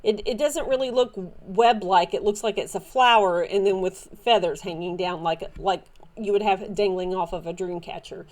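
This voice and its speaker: A woman with a Southern drawl talks through her latest finds in a relaxed, chatty way. She wanders off on tangents, restarts her sentences and fills the gaps with "um" and "uh." Her voice sits at an ordinary middle pitch. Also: normal speed, hardly any pauses. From Southern United States. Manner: chatty, meandering, many fillers and restarts. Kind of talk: casual show-and-tell haul.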